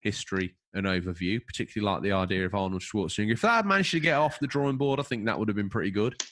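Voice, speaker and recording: A man's voice: lowish voice, very fast, a bit bright. A man co-hosting a casual podcast, reading out a film overview with jokey, emphatic asides. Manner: jokey, emphatic, stumbles over names. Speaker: podcast co-host.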